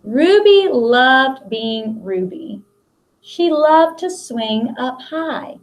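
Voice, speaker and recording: A middle-aged American woman, a school principal, reads a picture book aloud to children in simple, expressive phrases. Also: high-pitched, very slow, poor audio. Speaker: school principal reading to pupils.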